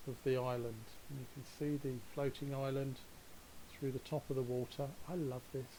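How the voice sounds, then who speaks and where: A man's voice: medium pitch, flat delivery, normal speed, mellow, a little hiss or hum, poor audio. Chatty man rambling through a virtual tour. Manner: chatty, rambling, chuckles at his own asides. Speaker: virtual world guide. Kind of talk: casual walkthrough narration. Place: home setup, voice over a VR headset session.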